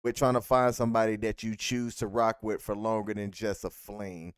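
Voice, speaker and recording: A man's voice: lowish voice, level tone, normal speed, clear, resonant tone, dry recording, clean studio sound. An American man co-hosting a casual live-stream chat as a podcast host.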